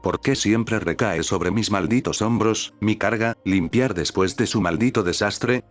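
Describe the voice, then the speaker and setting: A man's voice: fairly low pitch, unhurried, faint music behind, natural voice. A man voicing a bitter, cynical male shadow being who speaks with scorn and swears.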